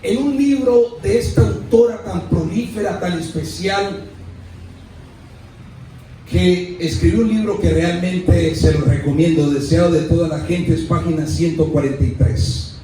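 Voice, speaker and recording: A male pastor, preaching a sermon in a deliberate storytelling manner. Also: high voice, warm tone, a little hiss or hum. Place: church. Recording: echoey church hall, distant mic.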